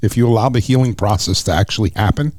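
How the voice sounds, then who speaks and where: A man's voice: lowish voice, fast talker. A middle-aged man, a former professional wrestler, giving an earnest personal testimony as a guest in an interview. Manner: earnest storyteller, lively when retelling.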